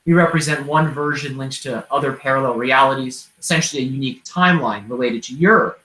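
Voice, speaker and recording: A man channeling an inquisitive, open-hearted otherworldly being like a seance medium, speaking in formal, measured, abstract sentences. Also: mid-range voice, sharp tone, lightly acted. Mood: helpful, explanatory. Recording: roomy, echoing sound.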